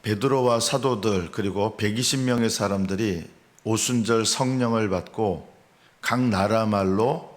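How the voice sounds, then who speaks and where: A male pastor preaching an early-morning sermon in a church sanctuary, earnest and building in emphasis, sometimes acting out the voices of mockers and angry replies. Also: on the low side.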